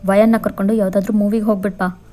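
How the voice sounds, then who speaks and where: A woman's voice: medium pitch, level tone, fast, dark tone, faint music behind, close to an everyday voice. A woman voicing a caring older sister who takes charge with firm, fond scolding.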